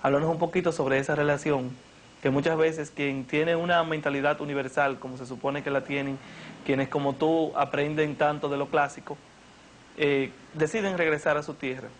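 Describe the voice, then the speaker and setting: A man's voice: a little high, fairly even intonation, moderate pace, a little hiss or hum. Formal young man interviewing. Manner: long, formal, elaborate questions. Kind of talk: TV interview questions. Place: living room.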